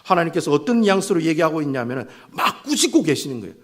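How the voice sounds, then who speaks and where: High-voiced pastor preaching. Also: male voice, fast talker. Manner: animated, asks the congregation rhetorical questions; acts out quoted speech. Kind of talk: sermon.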